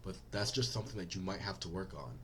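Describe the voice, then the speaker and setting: A man's voice: low voice, fast talker, a bit bright, slight background noise. A young man giving casual reaction commentary, blunt and mocking, swearing freely.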